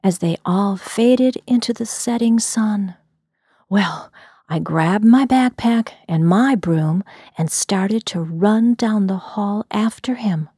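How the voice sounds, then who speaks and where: A woman from the US Midwest telling a story in a soft, breathy whisper. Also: medium pitch, slow pace, dry recording, studio quality.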